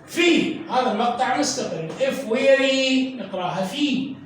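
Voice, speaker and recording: A man with an Iraqi accent teaching a children's reading lesson, drawing out syllables and repeating sounds slowly for learners. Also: very high-pitched, expressive, far from the mic, noisy background. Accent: Iraqi Arabic. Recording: echoey room, voice from off mic.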